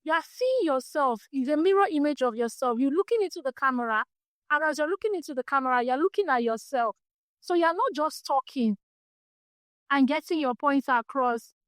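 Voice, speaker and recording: Talking earnestly and encouragingly about her faith and life as a creative, this woman hosts a reflective solo podcast in a Nigerian English accent. Her small, light voice is high and fairly bright, fairly quick, with lively intonation and no echo.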